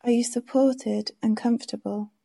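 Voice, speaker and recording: A woman leading a guided meditation with gentle, soothing, unhurried instructions. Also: on the high side, steady tone, gravelly, husky.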